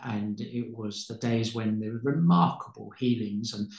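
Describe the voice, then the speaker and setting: A pastor tells stories in conversation with fervent, preaching energy, often repeating words as he builds. His fairly low, creaky, darkish voice keeps a measured pace. There's a roomy echo in the recording.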